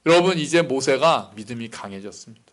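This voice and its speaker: A man's voice: mid-range voice, animated, fairly quick, fairly bright tone. A male pastor giving a sermon in a conversational, explanatory way, often asking rhetorical questions.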